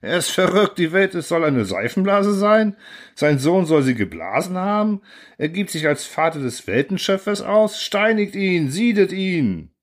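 A raised, shrill chorus of tiny creatures in uproar, as a male reader puts them on. The voice climbs high and swings wildly as it demands punishment. It is storybook narration with a furious crowd. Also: sing-song, measured pace. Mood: outraged. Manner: shrill, outraged shouting. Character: furious mob of tiny bubble-world beings.

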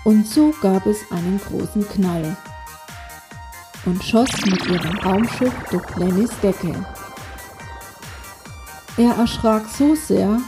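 A woman narrating a children's audiobook in a calm storytelling manner. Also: medium pitch, slow, pauses often, music in the background.

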